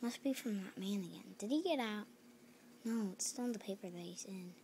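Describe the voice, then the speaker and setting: A woman's voice: mid-range voice, a little fast, gravelly, dark tone, a little hiss or hum, close to an everyday voice. Woman playing Julie, an earnest young detective. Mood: curious. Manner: mutters and whispers to herself. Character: young female amateur detective, earnest and cautious. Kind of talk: playful doll-mystery acting.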